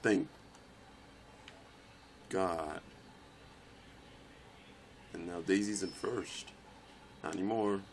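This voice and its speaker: A young man with a low, gravelly voice talks through his racing game session, cursing and shouting at rival racers. He speaks slowly between outbursts, and a faint hiss sits behind him. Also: fairly even intonation. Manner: swears and shouts in frustration at the game. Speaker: let's play gamer. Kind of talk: live gameplay commentary.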